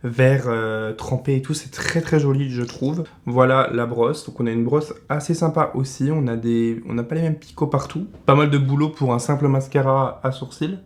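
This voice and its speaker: A man's voice: medium pitch, fairly even intonation, normal speed, hardly any pauses, a little mellow. A man in his twenties with a French accent, chatting casually in a beauty vlog and giving blunt product verdicts. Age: 20s. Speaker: beauty vlogger.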